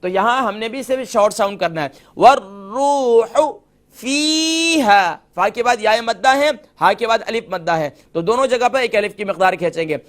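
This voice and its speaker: Pakistani guy with a really high voice teaching tajweed, says each word slow then breaks down the rules. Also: fairly bright tone. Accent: Pakistani Urdu. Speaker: Quran recitation teacher. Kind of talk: tajweed lesson, explaining pronunciation.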